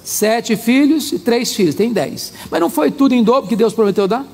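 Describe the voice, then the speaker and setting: High-pitched gravelly preacher. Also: male voice, moderate pace, long reverb tail. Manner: animated, humorous storytelling preacher. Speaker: pastor. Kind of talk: sermon.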